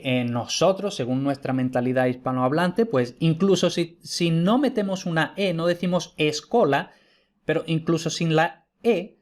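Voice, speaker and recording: Guy from teaching grammar online, patient and repetitive, keeps checking in with his students. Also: on the high side. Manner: explanatory, repeats points, checks with "¿vale?". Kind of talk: informal online lecture.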